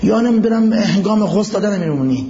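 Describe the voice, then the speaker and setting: A man's voice: high voice, lively intonation, dark tone, lo-fi sound, a little hiss or hum. Man preaching in a reverberant hall. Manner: recites Arabic quotes and explains them, asks the audience questions. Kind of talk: religious lecture.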